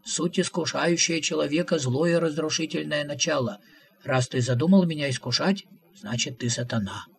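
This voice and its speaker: Насмешливый упрямый пророк в исполнении мужчины, говорит пренебрежительно, голос с хрипотцой. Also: male voice, fairly high pitch, normal speed, vocal fry, husky, exaggerated voice. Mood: dismissive. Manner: mocking, dismissive. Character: smug, mocking male prophet, stubborn and dismissive.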